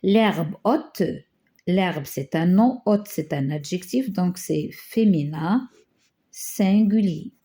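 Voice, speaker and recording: Slow, soft-toned woman teaching grammar. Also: fairly low pitch, expressive. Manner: slow, stretches example phrases, frequent hesitations. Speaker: primary school teacher. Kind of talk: grammar lesson correcting exercises.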